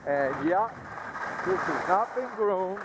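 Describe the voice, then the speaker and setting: A man giving a chatty, relaxed running commentary while skiing down a slope outdoors, recorded on a helmet-mounted action camera. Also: high-pitched, slow. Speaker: skiing vlogger. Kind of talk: casual narration while skiing. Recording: loud wind noise on the mic. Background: wind.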